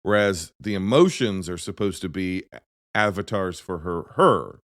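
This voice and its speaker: A low-voiced man talks casually about films on a podcast. He rambles and restarts his sentences, jumping between stories and opinions. The sound is close and dry, with no room in it. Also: normal speed, dry recording. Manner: rambling, self-interrupting, animated storytelling. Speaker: podcast host. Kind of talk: casual movie chat.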